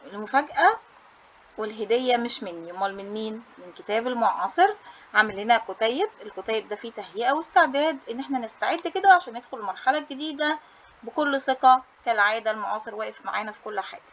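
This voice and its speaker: A woman's voice: on the high side, animated, fast, fairly bright tone, dull audio, a little hiss or hum. A woman English teacher with an Egyptian Arabic accent, reviewing a study booklet for pupils in a cheerful, coaxing way, dropping English terms into her Arabic. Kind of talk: book review for students.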